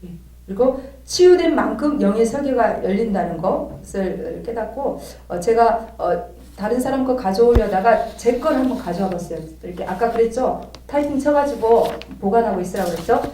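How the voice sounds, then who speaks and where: Animated woman lecturing in a roomy space. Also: on the high side, normal speed, slight background noise. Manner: animated storytelling, acts out quoted dialogue. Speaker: theology lecturer. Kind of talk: church lecture with personal example. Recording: roomy, distant mic.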